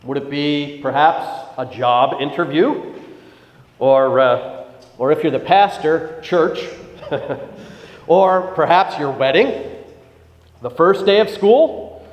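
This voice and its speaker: A pastor delivering a sermon, telling a joke story and then explaining scripture. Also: male voice, a little high, slow pace, pauses often. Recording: echoey hall, dull lo-fi sound.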